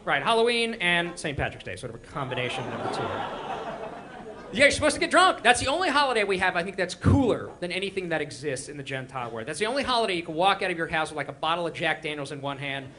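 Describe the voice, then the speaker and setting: A young man from Israel performing a stand-up set with quick, animated crowd work and mock voices, on a live stage. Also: on the high side. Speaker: stand-up comedian. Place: live comedy stage before an audience. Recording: live room with faint crowd noise.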